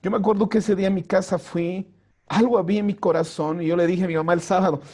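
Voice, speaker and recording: Male pastor, personal testimony, high and earnest, raises his voice when he acts out quotes. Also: steady tone. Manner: drops soft and slow for prayers. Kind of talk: personal testimony to a youth group. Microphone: home mic for an online vigil.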